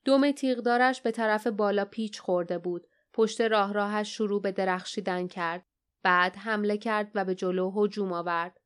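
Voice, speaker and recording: A woman narrating a fantasy audiobook in a steady, tense storytelling manner. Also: mid-range voice, smooth.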